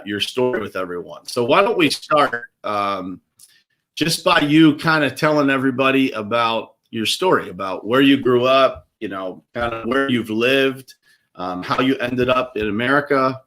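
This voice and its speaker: A man's voice: medium pitch, moderate pace, fairly bright tone. A man hosting a casual interview, easygoing and full of filler words. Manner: easygoing, lots of "uh" fillers and restarts. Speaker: show host.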